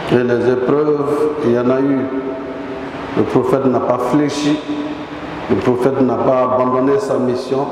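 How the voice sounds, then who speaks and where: Slow imam in an echoing mosque. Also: male voice, medium pitch, fairly even intonation, darkish tone, a little hiss or hum. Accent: West African French. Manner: slow, measured delivery with drawn-out phrases and Arabic formulas. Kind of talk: Friday sermon. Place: large mosque, at the pulpit. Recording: echoey mosque hall with long reverb.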